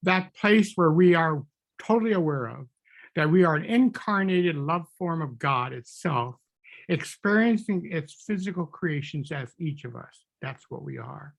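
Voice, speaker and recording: Gravelly-voiced man leading a prayer. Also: a little high, expressive, a little slow. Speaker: minister. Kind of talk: spoken closing prayer.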